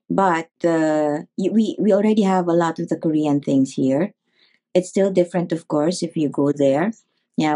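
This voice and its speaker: Her pitch fairly low and her tone warm, this neurologist guest shares advice during an interview. She talks in a measured manner, pausing often and using many fillers.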